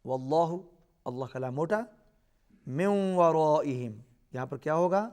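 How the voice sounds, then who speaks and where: Man, Quran teacher, high voice, slow drawn-out recitation, quick explanations. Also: a little mellow, clean tone.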